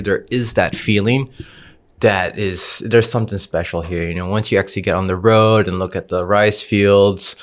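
A man's voice: fairly low pitch, a bit bright. A man who grew up in Indonesia, a podcast guest talking in a laid-back, rambling way full of "you know"s. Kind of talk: casual podcast chat.

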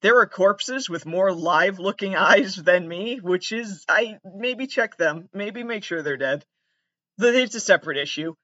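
A man from the United States with vocal fry and a monotone, deadpan delivery, hosting a podcast as a casual, self-deprecating, sweary comedic monologue. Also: sits high, unhurried, dry recording, highs cut off. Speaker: podcast host.

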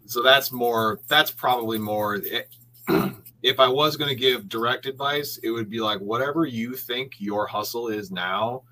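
A man's voice: mid-range voice, a little slow, sharp tone, rough recording. A man, a printmaker, talking as a podcast guest, thinking aloud with many restarts. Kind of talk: casual podcast conversation.

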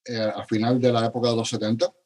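A middle-aged man from Cuba, a podcast guest, talking in a halting way with many restarts. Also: medium pitch, little pitch movement, a little mellow. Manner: halting, frequent restarts and stammers. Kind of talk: conversational interview.

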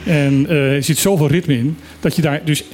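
A man's voice: a little high, steady tone, normal speed, a little mellow, faint music behind. A man hosting a casual radio discussion, repeating and restarting his phrases for emphasis.

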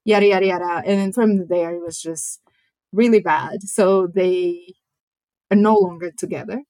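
Soft-pitched woman. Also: steady tone, no echo. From Japan. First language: Japanese. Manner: reflective, measured, searches for words. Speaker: podcast guest. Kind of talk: personal storytelling in conversation.

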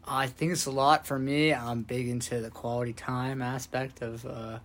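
A man's voice: mid-range voice, flat delivery, normal speed, a loud crowd. A young man, a podcast guest, giving easygoing and thoughtful answers in casual chat. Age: young adult.

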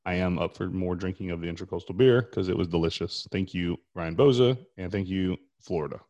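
An American man with a fairly low voice hosts a podcast. He chats casually, bantering with his co-host in an informal way. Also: a little fast, mellow, muffled recording.

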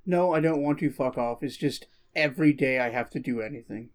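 A woman co-hosting a podcast in casual banter, teasing with quick retorts and swearing. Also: rumbling low, a little mellow. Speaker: podcast co-host.

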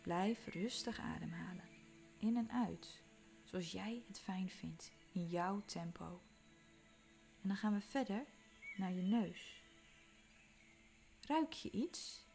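Woman, calm meditation guide, unhurried delivery, faint music underneath. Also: mid-range voice, gravelly. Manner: slow, calm, soothing instructions with soft whispered moments.

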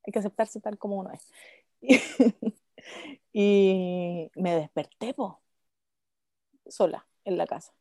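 Animated Chilean woman telling stories. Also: medium pitch, takes it slowly, long pauses, no echo, studio quality. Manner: animated, slangy, breaks into laughter and shouts. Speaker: podcast co-host. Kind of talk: casual comedic storytelling.

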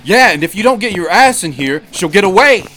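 An actor playing an exasperated, panicky, sarcastic sidekick in an audio drama, griping with profane exclamations. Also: male voice, high-pitched, animated, brisk, pushed and bright, faint music behind, low-quality recording. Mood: angry.

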